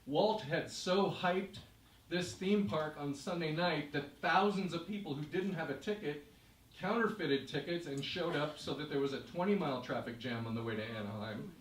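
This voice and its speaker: A man's voice: a little high, normal speed. Male stage storyteller, vivid and emphatic; recorded from afar in an echoey hall. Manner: vivid, emphatic second-person narration. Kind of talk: live storytelling performance. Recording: roomy stage, distant mic.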